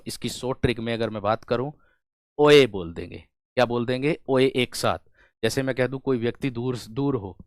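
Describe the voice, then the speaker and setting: A man teaching an exam-prep lesson, feeling unwell, repeating questions and answering them himself as he explains slowly to his students. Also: medium pitch, no room sound, clean studio sound. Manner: repetitive call-and-response, addresses students as friends.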